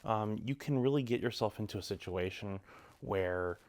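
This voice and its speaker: Chill young guy rambling to camera in his garage, kinda low voice, lots of ums. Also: normal speed. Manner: relaxed, rambling, many ums and likes. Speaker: vlogger. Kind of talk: casual advice talk to camera. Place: cold home garage.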